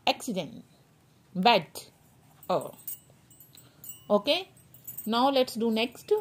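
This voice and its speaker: Lady teacher going thru grammar really slow, kinda high voice. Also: husky. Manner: slow, drawn-out, switches between English and Hindi. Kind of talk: classroom grammar lesson.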